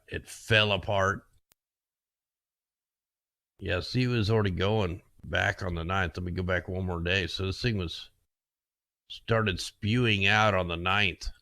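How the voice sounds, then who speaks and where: A man's voice: low-pitched, vocal fry, pushed and bright, dry recording. A man casually talking through weather maps as host, rambling and conspiratorial, with his voice getting worn. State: losing his voice. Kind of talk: casual screen-share commentary.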